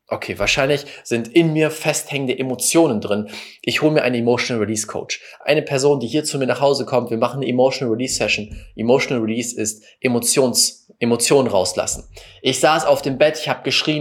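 A man hosting a self-help podcast, telling a personal story in an earnest, confessional way that swings between quiet and emphatic. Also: medium pitch. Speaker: podcast host and coach.

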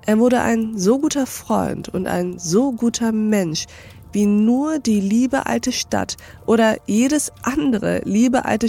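A woman reading a classic novel aloud as narrator, calm and measured. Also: mid-range voice.

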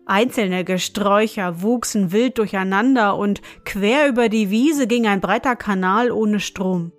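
A woman narrating an audiobook story in a measured storytelling manner. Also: mid-range voice. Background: faint music.

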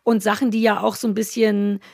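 A woman in her forties with a Berlin accent, co-hosting a podcast and telling stories in a lively, self-mocking way. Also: mid-range voice, a little fast, vocal fry, no room sound, studio quality. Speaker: podcast co-host. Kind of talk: casual podcast chat.

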